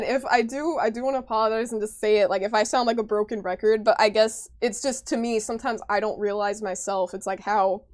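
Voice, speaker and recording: A young woman with an American accent, chatting casually with her stream viewers in an animated, chatty way. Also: a little high. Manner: chatty, animated retelling, frequent laughter.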